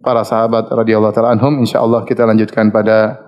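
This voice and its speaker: A man giving an Islamic study lecture. He tells the story in a lively way, chuckling often and stopping to search for words. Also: lowish voice, fast, dull audio. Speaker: Islamic preacher.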